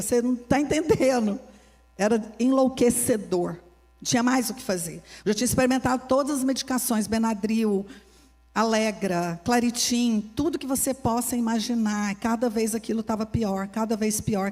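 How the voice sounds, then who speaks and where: A woman's voice: a little high, darkish tone. A Brazilian woman pastor preaching a sermon with a Brazilian Portuguese accent, fervent and emphatic, repeating her key phrases. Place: church hall. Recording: long church-hall reverb.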